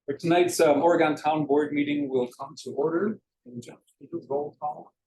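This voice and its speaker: A meeting chair calling a town board meeting to order and asking for public comments, speaking informally and haltingly. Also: mid-range voice, warm tone, reverberant, low-quality recording. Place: meeting room.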